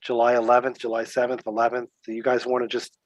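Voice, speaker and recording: A man's voice: mid-range voice, monotone, quick pace, dry recording. A man talking informally as a council member in an online meeting, casual and direct.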